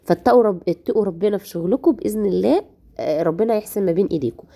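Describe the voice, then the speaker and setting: A woman with an Egyptian Arabic accent, hoarse and nursing a cough, chatting directly to her viewers through a cake decorating tutorial. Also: mid-range voice, rapid-fire, dark tone. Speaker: home baker.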